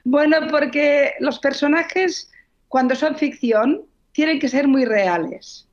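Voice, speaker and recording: A woman's voice: high-pitched, takes it slowly, highs cut off. A woman novelist, answering interview questions and telling stories earnestly, often correcting herself mid-sentence. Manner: fluent, earnest, with frequent self-corrections. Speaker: novelist guest.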